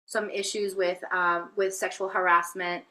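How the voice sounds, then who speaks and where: Here the Venezuelan healer is unhurried, her lowish voice level yet sharp in tone. She reflects on her life story as an interview guest, stumbling through many fillers and restarts.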